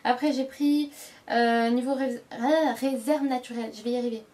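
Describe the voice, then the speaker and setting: A woman's voice: fairly high pitch, fairly even intonation, moderate pace, a little mellow. Chatty woman beauty vlogger. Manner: chatty, many fillers and self-corrections. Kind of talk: casual product show-and-tell.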